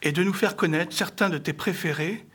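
A middle-aged man presenting an author's book to an audience in formal, literary phrasing, with halting, hesitant delivery and a husky voice. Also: sits high, a bit bright, slight background noise. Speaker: speaker introducing an author's book. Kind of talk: semi-prepared public book presentation.

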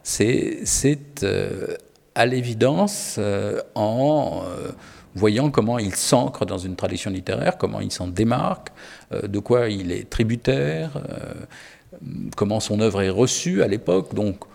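A man with a lowish, gravelly voice discusses books in an unhurried, hesitant way, often restarting his sentences. His voice carries a long reverb, as if spoken in a large room. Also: animated, darkish tone. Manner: hesitant, many fillers and restarts.

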